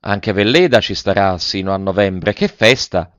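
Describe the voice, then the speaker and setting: A man reading aloud and voicing a shy, sweet young girl in a gentle, raised voice. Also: on the low side, moderate pace, no room sound, highs cut off, natural voice. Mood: hopeful.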